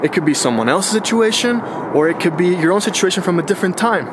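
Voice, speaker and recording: This thirtysomething male vlogger talks fast in a high voice, musing through a casual, slang-filled monologue. He's relaxed and chatty, and the background is noisy.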